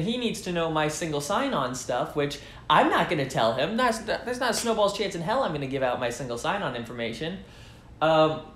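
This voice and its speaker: A man's voice: a little high, a bit bright, echoey room, slight background noise. A young man chatting casually to the camera from his living room couch, enthusiastic and thinking aloud as he unboxes tech gear. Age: young adult. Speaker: tech vlogger.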